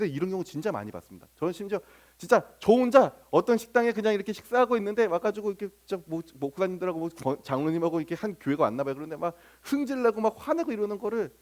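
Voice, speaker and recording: A male pastor preaching a sermon. He keeps asking the congregation questions, answers them himself, and acts out little everyday scenes. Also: sits high. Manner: acts out remarks of church members and strangers in little sketches.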